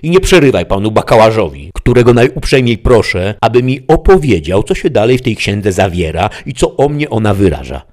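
A man's voice: on the low side, sing-song, brisk, few pauses, a little mellow. A man doing a pompous old knight. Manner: pompous, lecturing. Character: lofty, solemn old knight-errant. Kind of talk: audiobook reading with voices.

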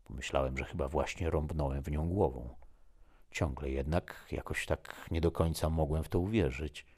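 A man reading a first-person story aloud in a measured, subdued way. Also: extremely low pitch, a little mellow. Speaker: narrator.

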